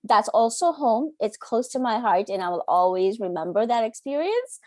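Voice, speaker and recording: A woman, a teacher chatting earnestly as a podcast guest, often pausing on "um". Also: fairly high pitch, big pitch swings, no echo, clean studio sound. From Canada. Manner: warm, earnest, with frequent "um" fillers. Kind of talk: casual interview chat.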